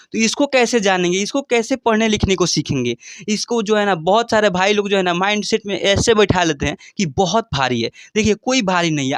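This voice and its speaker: A man's voice: high-pitched, a bit bright, no echo. Patient male teacher, dry sound. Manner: slow, repetitive, checks in often with "ठीक है?"; drawn-out letter names for recitation. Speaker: English teacher. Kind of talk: basic alphabet lesson.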